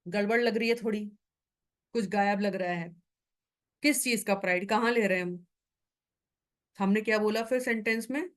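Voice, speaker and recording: A woman tutor teaching English grammar in Hindi in an online class, reading English example sentences slowly and often asking whether it is clear. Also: mid-range voice. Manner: checks in with students often.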